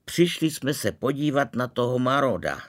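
A man reading a storybook aloud, voicing a grumbling middle-aged uncle who sighs and complains slowly. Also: medium pitch, big pitch swings, voice pushed up, close to an everyday voice. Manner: slow, sighing, complaining.

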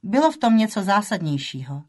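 A woman narrating an audiobook in a calm, measured way. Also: medium pitch. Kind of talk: scripted narration.

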